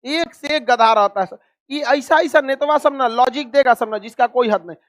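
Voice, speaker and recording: A man teaching a classroom map lesson, scolding students and drilling them with quick repeated questions. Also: very high voice, fairly bright tone, no echo, clean studio sound. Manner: scolding, calls students donkeys.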